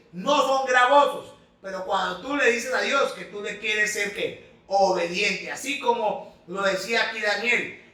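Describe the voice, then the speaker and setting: A man's voice: very high voice, pushed and bright, recorded from a distance. A man giving a preaching talk as a spiritual coach, emphatic, often asking a question and then answering it himself. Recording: echoey room, away from the mic.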